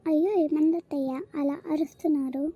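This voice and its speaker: A woman's voice: sits high, fairly even intonation, fairly quick, no echo, narrow, tinny audio, pitched below the performer's own voice, lightly acted. A woman voicing a patient young daughter-in-law in a cartoon, who explains and reassures. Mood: soothing.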